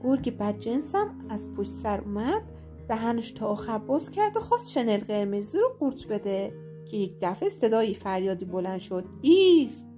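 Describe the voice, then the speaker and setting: A woman narrating a children's fairy tale in a lively, expressive storytelling manner. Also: mid-range voice. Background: soft guitar music.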